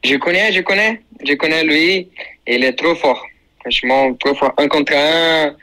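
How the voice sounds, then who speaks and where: A man's voice: on the high side, measured pace, bright, forceful tone, low-quality recording. A man who is a guest player on a sports show, answering in short, simple sentences with non-native phrasing. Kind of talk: casual interview answers.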